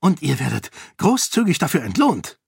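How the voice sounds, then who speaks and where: A man's voice: medium pitch, lively intonation, moderate pace, no echo, voice pushed up, lightly acted. A man voicing an embittered, defensive lord who snaps and complains. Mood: snappish. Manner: snappish, complaining. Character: embittered, defensive lord anxious about his lands.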